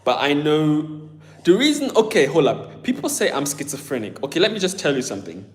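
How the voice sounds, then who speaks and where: His fairly high voice very animated and brisk, the man hosting the livestream chats and rambles with his viewers. Full of fillers, he calls the chat "bro," and his accent mixes Southern English, German and Ghanaian.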